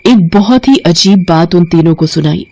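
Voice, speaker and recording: A woman narrating a scripted cartoon horror story with steady, dramatic storytelling. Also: on the low side, moderate pace.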